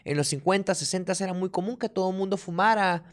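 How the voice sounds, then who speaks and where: A man co-hosting a casual conversation with his partner, explaining things calmly and listing examples. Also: high voice, fast talker. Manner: calm, explanatory, lists examples. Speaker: podcast co-host.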